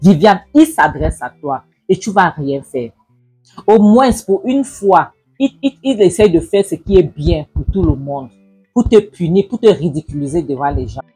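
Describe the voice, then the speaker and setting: A woman's voice: lowish voice, lively intonation, moderate pace, warm tone, breathy edge, soft background music. A woman voicing a scornful man who taunts coldly. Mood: taunting.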